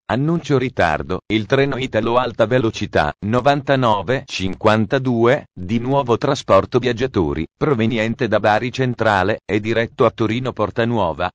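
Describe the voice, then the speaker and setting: A man reading scripted railway station announcements in a flat, formal manner. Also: lowish voice, dry recording.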